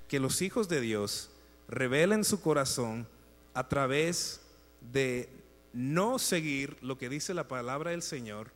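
A man preaching a sermon, emphatic, swinging between loud exhortation and hushed, quiet asides. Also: fairly high pitch. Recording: long reverb with mains hum.

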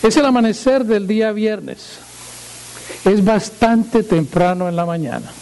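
A male pastor reading scripture aloud in a sermon and praying, slow and solemn, lifting his voice for quoted speech. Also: high-pitched, mellow, low-quality recording. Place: church.

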